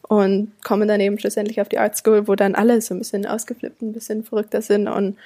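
A young woman from southern Germany chats casually as an interview guest. Her German carries a slight American accent, and her voice is mellow and mid-pitched. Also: level tone, fast. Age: 20s. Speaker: interview guest, art student abroad.

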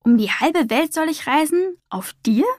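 A woman's voice: high-pitched, expressive, normal speed, darkish tone, no room sound, studio quality, pitched above the performer's own voice. A woman doing a hopeful little penguin boy. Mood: eager. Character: small hopeful dreamy male penguin.

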